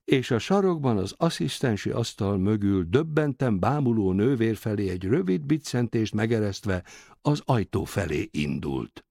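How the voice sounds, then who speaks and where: Male narrator, audiobook, lively pitch, gravelly voice, dry close mic. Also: no room sound. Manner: expressive, varied intonation. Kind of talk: scripted narration.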